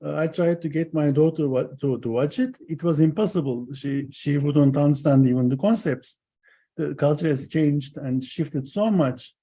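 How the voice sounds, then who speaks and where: A man interviewing a guest in a relaxed, chatty manner. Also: a little high, moderate pace, slightly rough. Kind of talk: conversational interview.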